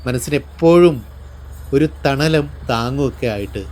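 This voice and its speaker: A man from Kerala with a Kerala accent narrates a descriptive vlog in a reflective, measured way, phrase by phrase. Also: mid-range voice, darkish tone, slight background noise. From Palakkad district, Kerala, India. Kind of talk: descriptive vlog narration of local temple customs. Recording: voice-over with music behind. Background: music.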